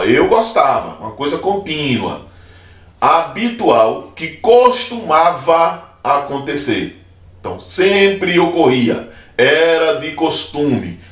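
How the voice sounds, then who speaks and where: A man teaching a grammar video lesson, explaining patiently and slowing down to spell out forms. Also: fairly high pitch, fairly bright tone, distant mic. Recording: echoey room, voice off-mic.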